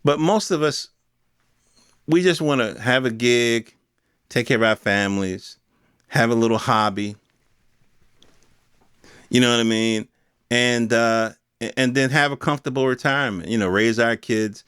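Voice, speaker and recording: An American man hosting a podcast talks off the cuff, a bit slowly and with frequent pauses, in a clear, resonant, slightly bright mid-range voice. His colloquial opinion monologue features rhetorical questions and mimicry of imagined speakers. The recording is dry and studio quality.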